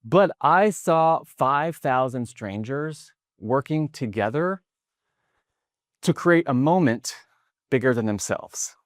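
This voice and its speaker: A keynote speaker in his thirties from the New York area gives a motivational talk in a large conference hall. He is an energetic storyteller with a mid-range voice that climbs when he gets excited, though he speaks slowly, and the sound is clean studio quality.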